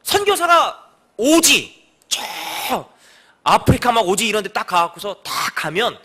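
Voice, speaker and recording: Animated preaching man, bright high voice. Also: moderate pace, husky. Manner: animated, acts out quoted voices. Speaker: pastor. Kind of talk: sermon with storytelling.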